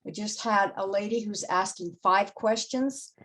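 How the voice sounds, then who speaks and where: A woman's voice: mid-range voice, unhurried, a bit bright, rough recording. A woman who handles the chat at a townhall, firm but polite as she sets rules for questions on a video call. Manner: firm, polite, rule-setting. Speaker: chat moderator.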